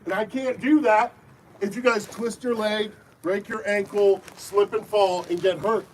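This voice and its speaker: High-voiced man addressing a crowd outdoors, firm and commanding, heard from a distance with faint noise. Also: steady tone, unhurried. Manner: firm, call-and-response, commanding. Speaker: airsoft event briefing leader. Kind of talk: safety briefing to a crowd. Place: outdoor airsoft field.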